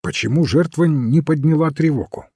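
A man's voice: a little high, normal speed, warm tone, breathy edge, no room sound, studio quality, pitched above the performer's own voice. A man voicing an irritable, strictly logical doctor who argues insistently and loses patience. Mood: exasperated. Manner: exasperated, insistent. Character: irritable, logical male doctor, impatient scholar.

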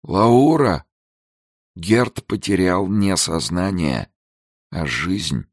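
A grieving old director speaks slowly and gravely, as a male narrator plays him. The voice is lifted a little above a low gravelly base, soft and dry. He talks like a storybook elder breaking bad news. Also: lively intonation, dry recording, exaggerated voice. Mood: sorrowful. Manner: grave, mournful. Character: sorrowful older male institute director.

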